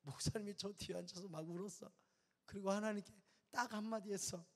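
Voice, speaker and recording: High-voiced man preaching in an echoing hall. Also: fairly even intonation, fairly quick. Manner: emphatic call-and-response preaching, swinging from soft to loud. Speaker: youth pastor. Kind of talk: sermon to a youth service. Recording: long hall reverb.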